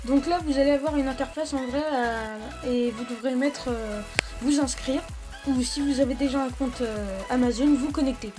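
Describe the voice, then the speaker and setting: A woman hosting a step-by-step phone app tutorial, talking in a halting way and often correcting herself mid-sentence. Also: sits high. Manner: halting, self-correcting delivery. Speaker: tech tutorial host. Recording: background music under the voice. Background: music.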